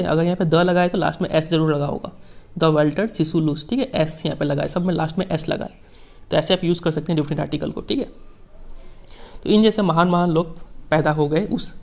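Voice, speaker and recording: Indian guy teaching a class, bit higher voice with some gravel, reads slow then explains chatty. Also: darkish tone. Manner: reads English lines slowly, explains in chatty Hindi, repeats "ठीक है". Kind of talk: Hindi-English class lecture explaining a text.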